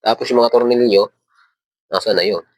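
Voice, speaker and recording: Speaking at a moderate pace in a medium, steady, slightly mellow voice, a Filipino-accented man casually teaches a hands-on tutorial, guiding viewers step by step as he works with parts.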